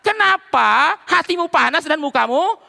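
God sternly scolds an angry man with pointed questions, as a male pastor voices him in his sermon. The voice is bright and gravelly, swinging widely in pitch, and it echoes through a church hall. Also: animated, moderate pace, exaggerated voice. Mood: rebuking.

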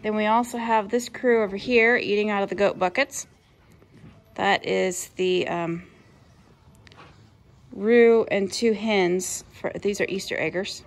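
A woman's voice: mid-range voice, steady tone. Woman, 30s, farm owner, friendly casual tour, phone-recorded. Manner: friendly, unhurried, introducing animals one by one. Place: outdoors and in a barn on a small farm. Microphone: handheld phone camera.

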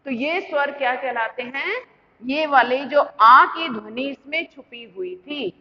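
Speaking at a measured pace in a high voice, a school teacher with an Indian Hindi accent explains her lesson one step at a time. She asks the class questions and then supplies the answers herself. The audio sounds muffled and lo-fi, with a long reverb tail.

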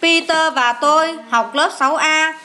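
High bright woman teacher. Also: unhurried. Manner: coaxing, asks questions and answers them herself. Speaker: English teacher. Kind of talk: explaining test answers to a child.

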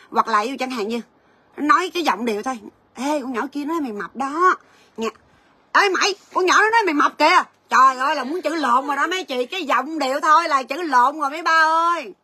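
Bright-voiced chatty woman selling gold. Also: high-pitched, breathy edge, no room sound. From Vietnam. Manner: chatty, rapid price calls, storytelling asides. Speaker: gold shop livestream seller. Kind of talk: livestream sales chat.

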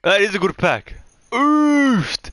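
A young man streaming live from his room on a headset mic, chatting excitedly as he opens game loot. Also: sits high, slow, no echo. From Australia.

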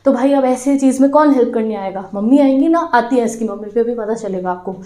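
A woman teacher retelling a story to her students in a lively way, asking them questions as she goes. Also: fairly high pitch, fast, reverberant. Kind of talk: storytelling lesson explanation.

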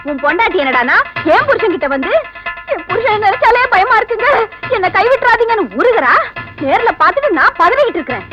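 An actress playing a jealous wife in a film who scolds, taunts and shouts at a neighbour. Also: female voice, very high voice, very animated, quick pace, highs cut off, over music. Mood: defiant shouting. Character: sharp-tongued jealous wife, loud and defiant.

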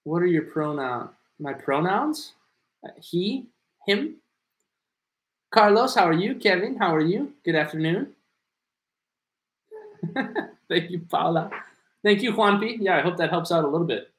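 A man hosts a live English lesson, his voice sitting a little high and his delivery slow and unhurried. He greets viewers one by one and flips between Spanish and English as he answers questions. The room around him echoes noticeably. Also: expressive, fairly bright tone. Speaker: English teacher on a livestream. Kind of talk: live Q&A, reading viewer comments.

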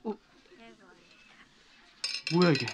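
A young man hosting an outdoor magic show like a kids' party magician, coaxing children with simple instructions over a headset mic, with music behind. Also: very slow. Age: young adult. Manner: animated, coaxing, often calling out loudly to the crowd. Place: outdoor park performance before seated children.

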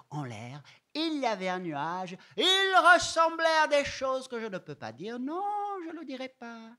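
A petulant little girl of about seven, as a male actor puts her on, wails that she is always blamed. Her voice sits high and leaps wildly up and down. It has a whiny, repetitive insistence, as in a live stage monologue. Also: sharp tone, full character voice. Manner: whiny, defensive, repeats herself. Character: sulky little girl of seven, wrongly accused.

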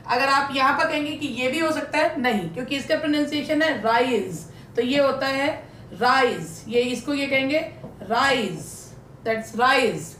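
A woman teacher giving an exam-prep lesson, drawing out English words slowly. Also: fairly bright tone. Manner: says English words slowly and stretches them out. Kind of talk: online lesson in Hindi and English. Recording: echoey room, faint rumble.

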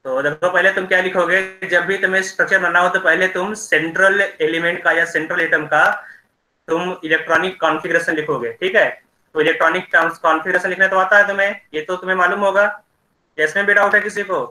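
Bright-voiced chemistry teacher in an echoey room. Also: male voice, high-pitched, fairly even intonation. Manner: explains slowly, checks in with students often. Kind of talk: online class lecture.

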